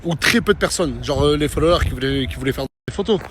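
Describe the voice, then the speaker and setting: A man's voice: a little high, fast talker. Teasing male vlogger, noisy recording. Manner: teasing, interrogating, repeatedly calls for calm. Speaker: Snapchat influencer host. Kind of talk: casual vlog talk and street questioning.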